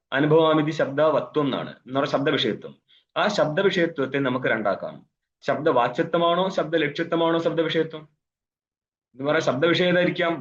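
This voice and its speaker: A man's voice: fairly high pitch, highs cut off. A man teaching a scripture class as a swami, explaining by asking questions and answering them himself, with Sanskrit recitation and wry asides. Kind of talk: philosophy class lecture. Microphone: online video call.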